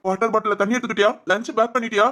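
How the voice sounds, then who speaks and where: A man voicing a young husband in an animated family story, who nags with quick questions and then coaxes gently. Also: sits high. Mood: scolding. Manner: quick, bossy questioning that turns coaxing.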